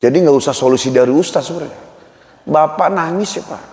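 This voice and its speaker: A man's voice: fairly high pitch, fast talker, a little mellow. A man preaching a humorous mosque sermon, chatty and joking as he acts out little dialogues. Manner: jokey and conversational, acts out dialogues. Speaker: ustaz preacher. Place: mosque hall. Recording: echoey hall reverb.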